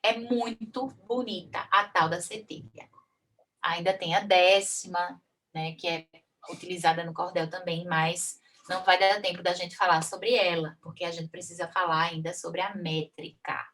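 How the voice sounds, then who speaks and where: A woman's voice: lowish voice, fairly even intonation, fairly bright tone, recorded from a distance. A Brazilian woman teaching a workshop on folk poetry, explaining patiently and slipping in frequent "né" tags. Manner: explains patiently, recites verses slowly and rhythmically; frequent "né" tags and small restarts. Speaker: cordel poet and workshop teacher. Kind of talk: online workshop lesson.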